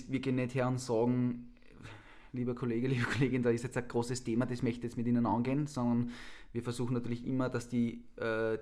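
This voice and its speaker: Man, counselor co-host, reflective and explanatory, casual chat, loose with frequent restarts. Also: medium pitch. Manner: thoughtful, explains at length with restarts. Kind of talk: casual conversational podcast.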